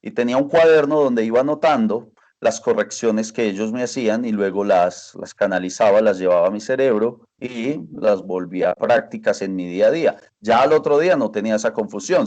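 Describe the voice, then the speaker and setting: A man's voice: lowish voice, fairly quick, few pauses, a little mellow, lo-fi sound. Earnest man repeating points for emphasis. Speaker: interview guest, language teacher. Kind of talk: casual interview answers.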